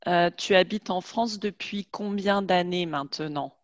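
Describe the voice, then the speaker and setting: A woman in her forties hosts a relaxed interview over a video call, talking into a headset. She speaks slowly in a slightly low voice, and the sound is dry and close. She laughs often and restarts words as she goes. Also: no room sound, dull audio. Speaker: host and French teacher. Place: home room, video call.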